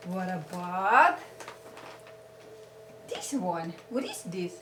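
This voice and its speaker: A woman asking a young child to name animals and make their sounds, in slow, patient questions with sing-song prompts. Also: lowish voice, very animated. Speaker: parent teaching a child. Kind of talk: home video lesson for a child. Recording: echoey room, far from mic, loud noise.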